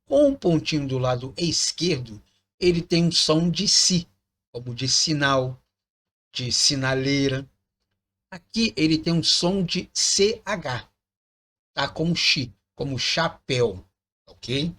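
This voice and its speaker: A man's voice: a little high, lively intonation, takes it slowly, fairly bright tone. A man giving a patient lesson on Hebrew vowel points, repeating words and checking in with the listener. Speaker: teacher of biblical Hebrew. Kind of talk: explanatory lesson pointing at text.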